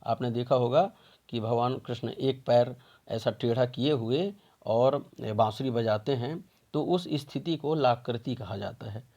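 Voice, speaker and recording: A man's voice: mid-range voice, a little slow, darkish tone. A man teaching a Sanskrit grammar lesson step by step, patiently asking questions and answering them himself.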